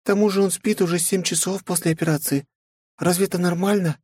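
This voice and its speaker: A man voicing a shy, affectionate young woman who speaks softly and timidly in an audiobook. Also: high-pitched, steady tone, fast, breathy edge, pitched above the performer's own voice. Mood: tender. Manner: soft, timid. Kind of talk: audiobook character voice.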